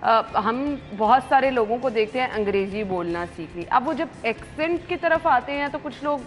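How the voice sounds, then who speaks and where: A woman's voice: a little high, expressive, moderate pace, faint music behind. A woman hosting a morning show, asking questions conversationally and affirming the guest often. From Pakistan. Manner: conversational, frequent affirming hums. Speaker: host.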